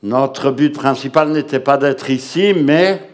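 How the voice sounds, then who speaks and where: A middle-aged man with a medium-pitched voice speaks to a congregation as host and interpreter. His delivery is slow and informal, with hesitant, conversational phrasing. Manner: hesitant, conversational, frequent "hein" tags.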